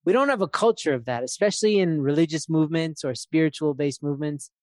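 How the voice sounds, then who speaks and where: A man's voice: a little high, fast, a little mellow, no echo, clean studio sound. A man in his thirties, co-hosting a podcast in casual chat, talking in a loose, reflective way with many fillers. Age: 30s. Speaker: podcast co-host.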